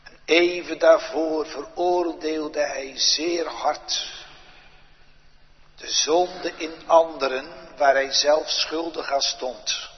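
A pastor praying aloud from the pulpit in a slow, solemn litany of petitions, recorded in a large church. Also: male voice, fairly high pitch, steady tone. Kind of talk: pulpit prayer. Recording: dull lo-fi church recording with long reverb.

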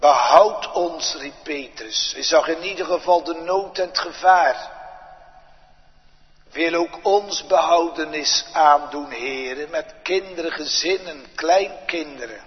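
A pastor praying aloud from the pulpit in a slow, solemn litany of petitions, recorded in a large church. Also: male voice, fairly high pitch. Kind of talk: pulpit prayer. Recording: dull lo-fi church recording with long reverb.

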